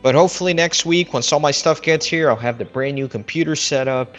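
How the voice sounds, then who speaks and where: Slightly high, a little fast and a bit bright, this man's voice comes through a cheap headset mic muffled like he's talking into a cup. He chats casually and thinks out loud while streaming a game, soft background music playing.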